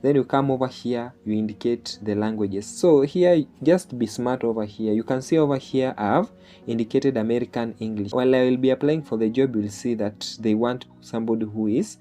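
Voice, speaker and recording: This online jobs tutorial host is a man from Kenya whose first language is Swahili, and he speaks with a Kenyan accent. His voice sits in the mid range, warm in tone and moderately paced, as he explains a screen-share tutorial one step at a time. He regularly closes phrases with "okay?" to check in.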